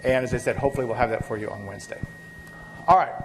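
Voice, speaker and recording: Speaking very fast at a medium pitch, this man is a biochemistry professor giving a university lecture in a noisy hall. He's catching a cold and coughs occasionally, and his speech is loose, with lots of fillers and false starts.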